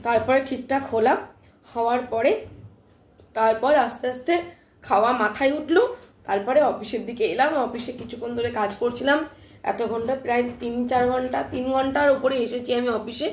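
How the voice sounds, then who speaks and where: A woman retelling a personal scare to her live-stream viewers in an animated, emphatic way, often checking in with her listeners, while her throat is still sore. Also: a little high, a little fast, reverberant. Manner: animated, emphatic retelling with frequent "ঠিক আছে?" check-ins. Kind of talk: casual live-stream storytelling.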